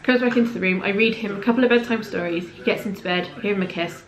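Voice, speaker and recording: A woman's voice: medium pitch, fast talker. A woman talks openly to camera about motherhood. Her manner is chatty and heartfelt, wandering into asides. The sound is roomy, with a noticeable echo off the walls of a room at home. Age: late 30s. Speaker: parenting vlogger. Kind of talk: candid talk to camera.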